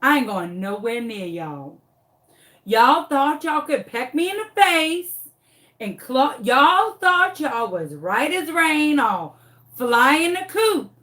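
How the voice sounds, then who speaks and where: A sassy female hunting dog, played by a woman telling a story, taunting in a drawl. The voice sits high and swoops around. It comes in slow, deliberate bursts. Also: sing-song, fairly bright tone, full character voice.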